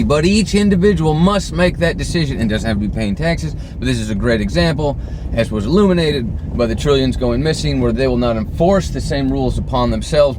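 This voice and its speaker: A man's voice: mid-range voice, noisy background. A man delivering an off-the-cuff, emphatic opinion rant, swearing and often checking in with the listener. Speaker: vlogger.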